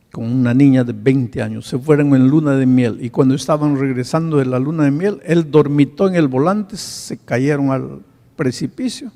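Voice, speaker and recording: A male pastor telling a story in a sermon, swinging from hushed to loud. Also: medium pitch, big-room sound.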